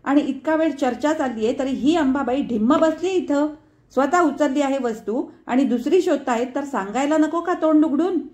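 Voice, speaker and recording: A woman's voice: high-pitched, unhurried, few pauses, a little mellow, voice pushed up. A woman voicing a harried, angry middle-aged mother who scolds sharply and sarcastically in a told story. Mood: furious scolding.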